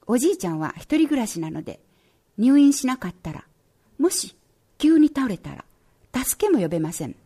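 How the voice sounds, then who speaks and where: A woman radio announcer reading a prize-winning children's essay aloud in a slow, measured, gentle way. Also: fairly high pitch, sing-song, slightly rough.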